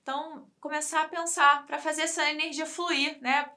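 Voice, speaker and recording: A woman with a Brazilian Portuguese accent discussing a case on a talk program, reflective and thinking aloud with pauses. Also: high-pitched, level tone, bright, forceful tone.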